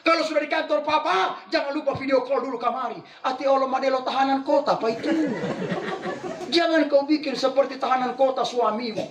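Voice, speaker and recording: A man's voice: very high-pitched, brisk, background noise. A man preaching a humorous sermon, teasing the women in his audience. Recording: echoey hall, distant mic.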